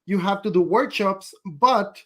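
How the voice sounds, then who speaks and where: A man's voice: sits high, a little slow, fairly bright tone. A man from northern Mexico, a guest in casual chat, rambling with many "like"s. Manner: rambling, heavy use of "like".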